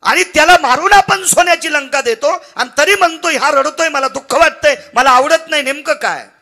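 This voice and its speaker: A man playing the hot-tempered young prince Lakshman in devotional kirtan storytelling, shouting his indignant questions. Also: little pitch movement, moderate pace, lightly acted. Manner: shouting, indignant, high-pitched outbursts.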